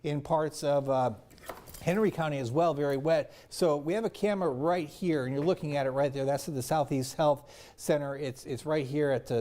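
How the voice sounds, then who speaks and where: A man's voice: on the high side, darkish tone. A man presenting live weather commentary, explaining things step by step in an unscripted way.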